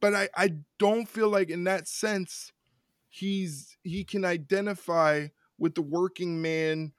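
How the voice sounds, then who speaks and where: Guy co-hosting a wrestling podcast, ranty, repeats himself, high voice. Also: steady tone, slow pace, fairly bright tone, no room sound, studio quality. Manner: ranting, repeats words, laughs often. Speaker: podcast co-host. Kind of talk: casual wrestling podcast chat.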